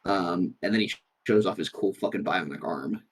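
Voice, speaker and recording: A man playing in a tabletop game, describing his character haltingly with many fillers. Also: low voice, breathy edge. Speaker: player. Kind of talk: tabletop role-play chat.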